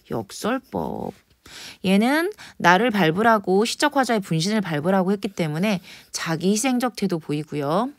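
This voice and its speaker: A woman teaching a poetry lesson in a lively way, switching between quick asides, whispers and slow stressed words. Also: medium pitch, no echo, studio quality. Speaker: Korean literature teacher.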